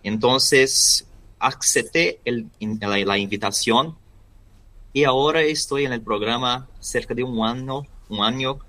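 Brazilian guy being interviewed, portuguese accent, bright voice, keeps hunting for words. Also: medium pitch, poor audio. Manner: halting, searching for words, mixing in Portuguese. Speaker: interview guest, volunteer youth radio host. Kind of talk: interview answers.

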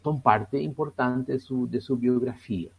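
A Chilean man in his sixties answers radio interview questions as a priest. His voice is low and gravelly with a husky edge. He talks very slowly, stopping often to search for words. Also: dull audio. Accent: Chilean Spanish. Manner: slow and hesitant, many fillers. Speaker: priest, guest.

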